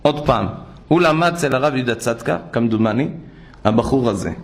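An older man, a rabbi, preaching a sermon and telling stories, acting out the people he quotes. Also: medium pitch. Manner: animated, acts out quoted speech. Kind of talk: sermon with storytelling.

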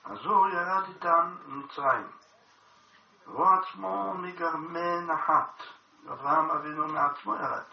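A man's voice: on the high side, vocal fry, highs cut off. A man giving a Torah study lecture, expounding a text and posing rhetorical questions, recorded from a distance in an echoey room.

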